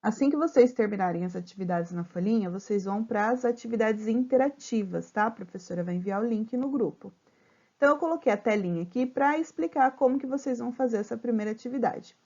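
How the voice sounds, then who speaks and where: Over a muffled, lo-fi connection that sounds like a laptop mic, a Brazilian woman gives children a remote grammar lesson. Her voice is slightly high and mellow, with a Brazilian Portuguese accent. She patiently sounds out syllables slowly and keeps checking in with the kids.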